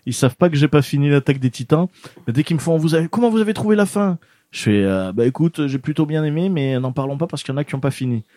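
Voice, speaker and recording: A man hosts a relaxed radio chat show from a studio, his voice warm and mellow. He talks loosely, full of fillers and false starts, and the sound is close and dry. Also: medium pitch, fast, no echo. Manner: chatty, lots of fillers and restarts.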